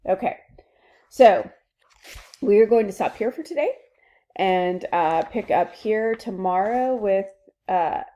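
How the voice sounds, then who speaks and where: A woman's voice: medium pitch, animated, slow, long pauses, mellow. A woman teacher giving a recorded literature lesson, explaining a play to her students in a conversational way with frequent fillers.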